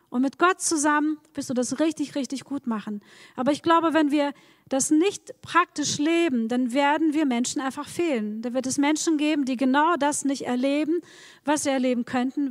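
A woman with a high voice preaches a sermon, encouraging her congregation and addressing them directly while repeating words often. The sound is clean studio quality with no room sound, yet it carries the feel of a large hall.

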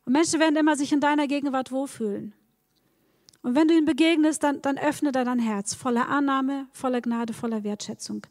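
A woman's voice: sits high, a little fast, a little mellow, no room sound, clean studio sound, big-room sound. A woman preaching a sermon, speaking straight to her congregation with encouraging words and frequent repetitions. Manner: encouraging, addresses the congregation directly, repeats words.

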